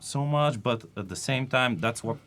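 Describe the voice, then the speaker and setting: A man, a game designer, chatting on a dev stream in a measured way, searching for his words. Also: medium pitch, fairly bright tone. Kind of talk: casual chat on a dev stream.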